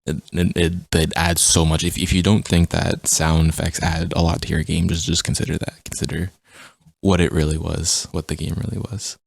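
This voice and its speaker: A man's voice: low voice, little pitch movement, normal speed, creaky, dry recording. A man giving casual game review commentary, often stammering and repeating his words.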